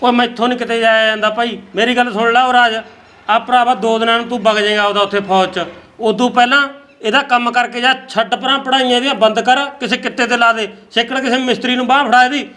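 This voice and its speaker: A man's voice: extremely high pitch, level tone, fast, pushed and bright. A man playing a grumbling, stubborn old father. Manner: grumbling, complaining. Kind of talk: rural Punjabi web drama acting.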